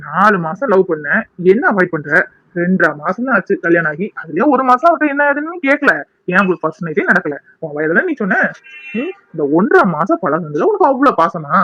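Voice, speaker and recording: A man doing a fast, lively, mocking ex-lover. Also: sits high, no echo, muffled recording, exaggerated voice. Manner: mocking, sarcastic, teasing. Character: young man, spurned ex-lover, mocking and scheming.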